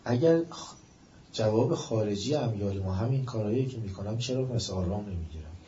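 A man giving a religious-ethical lecture, asking questions of his listeners and rising to emphatic, drawn-out stresses. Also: on the low side, expressive, dark tone, a little hiss or hum. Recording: echoey room, dull lo-fi sound.

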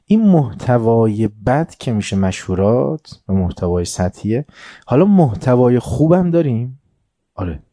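A man giving a religious lecture to a seated audience. He tells stories with quoted dialogue and recited Arabic, swinging from soft asides to emphatic points. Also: medium pitch, big pitch swings, no room sound. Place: room before a seated audience.

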